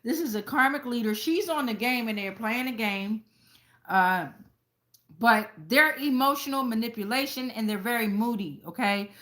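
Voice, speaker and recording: Here a woman's fairly high, somewhat bright voice moves at a moderate pace as she gives a relaxed tarot reading. The channel host shares personal stories, swears a lot, speaks frankly, and talks directly to viewers with frequent check-ins.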